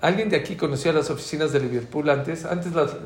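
A man's voice: a little high, quick pace. A middle-aged man with a Mexican Spanish accent teaching an informal religious class, telling anecdotes and acting out the dialogue. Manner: lively storyteller, acts out dialogue. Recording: echoey room with faint ambient noise.

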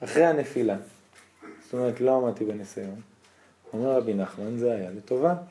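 A rabbi giving a religious lesson, telling stories and checking in with his listeners in an animated way. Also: mid-range voice.

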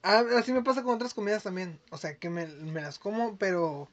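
A young Mexican man with a Mexican accent, co-hosting a podcast and telling jokey stories in casual slangy chat. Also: high-pitched. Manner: joking, quick slangy storytelling. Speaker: podcast co-host. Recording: dull lo-fi sound.

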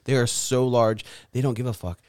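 A man's voice: medium pitch, level tone, moderate pace, a little mellow, clean tone, dry recording, clean studio sound. A man co-hosting a podcast, crude and joking, often giving short agreeing replies in casual chat. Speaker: podcast co-host.

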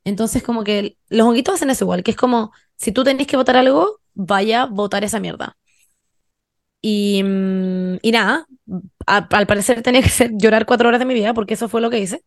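A woman's voice: fairly high pitch, fairly quick. A young woman with a Chilean accent telling a story to friends in a casual, slangy chat, acting out what her friends said. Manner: animated, slangy, acts out quoted friends.

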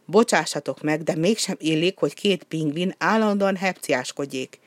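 Brief: reader doing a calm lady seal in a storybook, patient and gently correcting. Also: medium pitch, no room sound, close to an everyday voice. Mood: patient, admonishing. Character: patient, motherly female seal.

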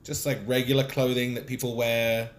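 A man co-hosting a casual podcast, telling stories in an animated way, with big swings in pitch and loudness. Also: moderate pace. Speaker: podcast co-host. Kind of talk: casual chat on a live podcast. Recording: roomy echo.

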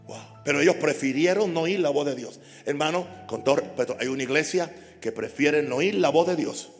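Man pastor, impassioned sermon, slightly high voice, echoing church hall. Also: a little fast, faint music behind. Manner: impassioned, builds to shouting with repeated phrases.

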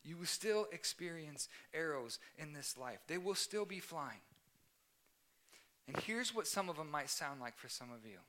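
A man's voice: on the high side, animated, moderate pace, pushed and bright. A young man giving an earnest sermon as youth pastor, stressing points by repeating them. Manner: earnest, emphatic, repeats key phrases. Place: church youth service.

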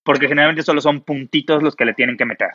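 Bright-voiced man, chatty podcast host. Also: a little high, fast, muffled recording. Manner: expressive, uses many fillers like "o sea". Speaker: image consultant. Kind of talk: casual podcast chat.

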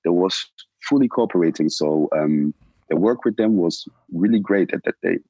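Low-voiced Ghanaian-born man, slangy and relaxed. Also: moderate pace, breathy edge, dry recording, lo-fi sound. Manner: relaxed, slangy, many "like" and "yo" fillers. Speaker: protest organizer. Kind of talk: casual interview answers.

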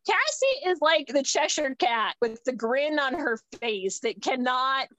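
A woman guest in casual conversation, telling a personal story in an animated way. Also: high voice, unhurried, no echo, rough recording. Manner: animated, acts out dialogue.

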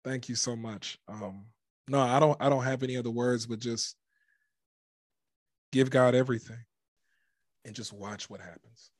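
A man's voice: mid-range voice, fairly even intonation, moderate pace, pauses often, dry recording, clean studio sound. A man in his twenties, a guest minister, talking about faith in an impassioned, preacherly way with plenty of emphasis. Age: 20s. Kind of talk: casual faith conversation.

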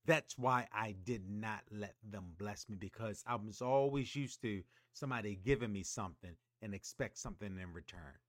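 A man's voice: on the low side, moderate pace, hardly any pauses, fairly bright tone, dry recording, clean studio sound. A man hosting a motivational podcast, preaching emphatically and calling on listeners to repeat after him. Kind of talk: motivational monologue.

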